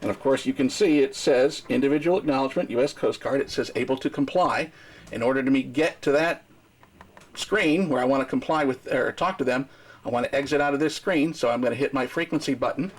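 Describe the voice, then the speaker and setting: A man's voice: mid-range voice, a little fast. An American man instructing step by step in marine radio use, methodical and explanatory. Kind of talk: step-by-step demonstration with radio procedure. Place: aboard a docked sailing boat.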